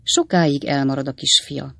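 A reader doing a kindly old gentleman lodger. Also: mid-range voice, fairly even intonation, creaky, no room sound. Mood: earnest.

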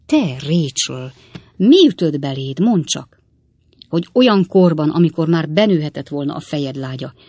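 An audiobook reader voicing a hot-tempered old gentleman who rages and blusters at the people around him. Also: medium pitch, no room sound, studio quality. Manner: angry, blustering, loud.

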